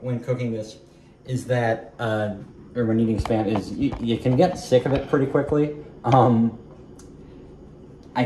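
In his small home kitchen, a cooking vlogger with a dark, medium-pitched voice chats casually as he cooks, rambling and making fun of himself. A camera mic across the kitchen records it, leaving an echoey room sound and faint frying noise.

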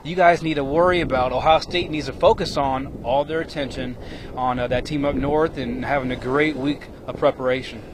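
A former player in his thirties offers measured, reflective analysis on live TV, holding a handheld mic at an outdoor stadium at night. His mid-range voice has fairly even intonation, and faint stadium noise can be heard.

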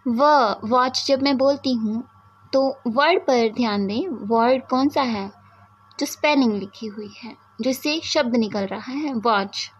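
A woman teaching the English alphabet to children, asking questions and prompting answers in drawn-out, deliberate speech. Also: a little high, husky, muffled recording. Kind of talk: slow alphabet lesson for children.

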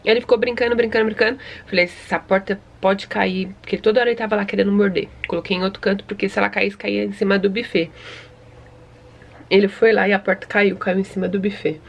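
Young São Paulo woman, casual home vlog, chatty and emotional, slightly gravelly voice. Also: medium pitch, fairly even intonation, fast, highs cut off. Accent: Brazilian Portuguese, São Paulo. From Brazil. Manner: chatty and emotional, often drops to a soft murmur. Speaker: vlogger. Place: home, indoors.

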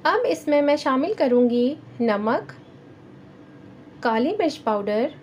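A woman with a Pakistani Urdu accent hosting a cooking channel, giving calm step-by-step recipe instructions in a voice-over. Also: high-pitched, slow pace, slight background noise. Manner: calm, instructive, addresses viewers directly.

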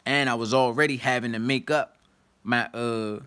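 A man's voice: medium pitch, fairly even intonation, moderate pace, a bit bright, smooth, no room sound. A young man in casual vlog talk, loose and slangy, sometimes reading a book aloud with asides. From Washington, D.C. area. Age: young adult.

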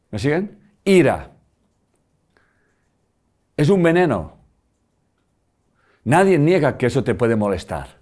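An older man with a Spanish accent giving a live lecture, often checking that the audience follows him. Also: medium pitch. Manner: animated, asks the audience often if they follow.

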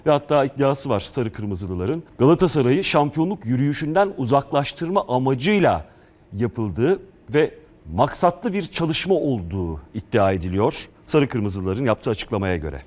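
Guy presenting sports news live, reading out press reports, normal mid pitched voice. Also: very animated, moderate pace, darkish tone.

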